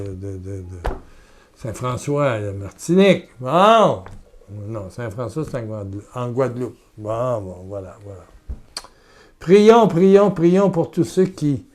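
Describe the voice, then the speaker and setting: A man with a Québécois French accent preaching a sermon and leading a guided prayer. He is earnest and repetitive, swinging from loud urging to soft murmurs. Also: medium pitch.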